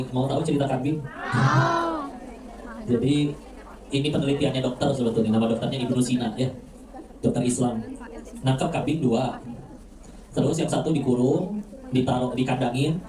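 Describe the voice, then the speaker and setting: A man with a medium-pitched voice preaches to a crowd in a mosque hall, keeping it conversational and joking, quizzing the audience and often ending lines with "ya." The sound echoes around the hall, picked up by a distant mic.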